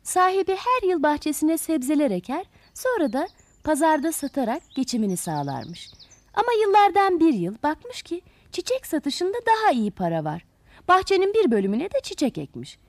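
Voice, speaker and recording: A woman narrating a children's fairy tale in an expressive way, speaking to the listening children. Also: high voice, moderate pace. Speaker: storyteller.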